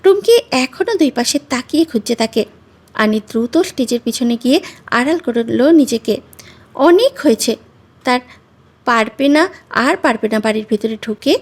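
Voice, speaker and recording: A woman with a high voice reads a romantic story aloud in a measured, expressive way. Her scripted narration moves steadily from scene to scene.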